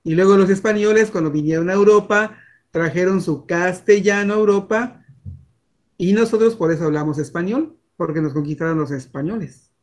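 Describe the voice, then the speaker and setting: A man's voice: high voice, normal speed. A Mexican man teaching a class over a video call, chatty and full of fillers and restarts. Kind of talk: online class lecture.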